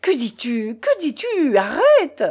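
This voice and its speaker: A woman's voice: high-pitched, wildly swooping pitch, slow, darkish tone, voice pushed up, full character voice. Woman voicing a flustered kindly uncle. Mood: exasperated pleading. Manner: pleading, exasperated. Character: kindly flustered older uncle, anxious peacemaker.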